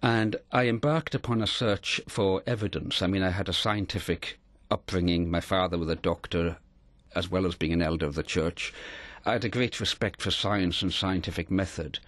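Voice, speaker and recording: Deep-voiced earnest male interviewee. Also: steady tone, fairly bright tone, no room sound. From Scotland. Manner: measured, earnest storyteller. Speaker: interview guest. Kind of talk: reflective storytelling in an interview.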